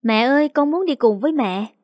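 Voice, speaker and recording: A woman voicing a small chatty daughter who pleads with her parents in a high childlike voice, with soft music behind. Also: animated, brisk, no echo, clean studio sound. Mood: eager.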